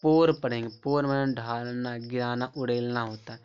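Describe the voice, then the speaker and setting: A man's voice: mid-range voice, fairly even intonation, normal speed. A man teaching English pronunciation in a classroom-style lesson, repeating each word several times and asking the learners rhetorical questions. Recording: slightly dull lo-fi sound with faint background noise.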